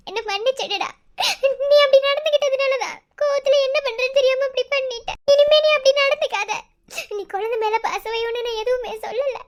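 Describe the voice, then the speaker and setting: A woman doing a squeaky cartoon wife. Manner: soothing, coaxing tone. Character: young wife, affectionate and forgiving. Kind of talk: cartoon voice acting.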